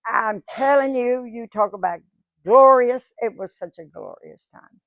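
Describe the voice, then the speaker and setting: A woman in her nineties from Georgia, USA, is a guest speaker in a museum event room, telling a live audience folksy stories about her life and acting out what people said. Her voice is fairly high, gravelly and a little slow, with no room sound.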